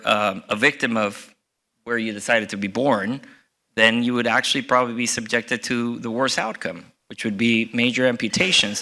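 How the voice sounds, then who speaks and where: Earnest bright-voiced surgeon. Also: male voice, mid-range voice. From Costa Rica. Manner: earnest, fillers and restarts, stresses key words. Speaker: vascular surgeon giving a conference talk. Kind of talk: conference presentation.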